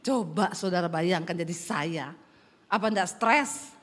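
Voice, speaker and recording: A woman pastor with a Sulawesi accent preaching a sermon, animated and humorous, with a lively rising intonation. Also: fairly low pitch, measured pace. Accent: Sulawesi Indonesian. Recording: long hall reverb.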